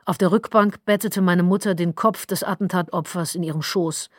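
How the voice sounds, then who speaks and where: Female audiobook narrator, lowish voice, measured and wry, dry studio sound. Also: steady tone, dry recording. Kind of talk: scripted narration.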